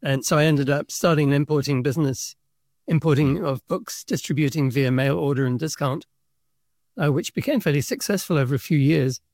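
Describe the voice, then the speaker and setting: A middle-aged South African man tells his story in a steady, thoughtful way, pausing to pick his words. His voice sits a little high for a man. The sound is close and dry, with no room around it. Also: no echo. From Kenya and South Africa. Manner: measured, thoughtful storytelling with pauses. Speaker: guest, book publisher's representative. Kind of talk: conversational podcast interview.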